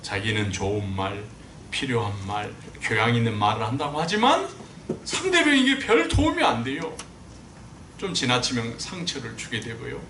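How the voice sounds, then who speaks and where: A man preaching a sermon as a pastor, telling stories with animated swings and climbing high when he quotes people. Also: moderate pace, slight background noise. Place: church sanctuary. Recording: echoey church room, mic at a distance.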